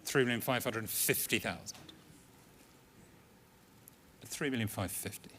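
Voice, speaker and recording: A man working as an auctioneer, calling out bids in a brisk, rhythmic patter during a live sale in an auction room. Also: medium pitch, fairly bright tone, a little hiss or hum.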